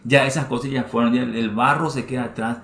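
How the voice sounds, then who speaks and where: A man's voice: mid-range voice, steady tone, fast, a bit bright. Man, pastor, emphatic repeated phrases, reverberant church. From Paraguay. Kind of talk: sermon. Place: church hall. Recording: roomy church livestream.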